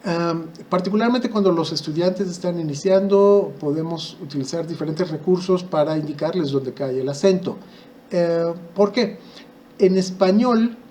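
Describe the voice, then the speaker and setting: A Mexican-accented man gives an explanatory video lesson in a voice pitched a touch above average. He walks through each point patiently, asking himself questions and filling pauses with soft hesitations. A faint hiss sits under his voice. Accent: Mexican Spanish. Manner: patient, explaining step by step with rhetorical questions and frequent "eh" fillers. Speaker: Russian language teacher.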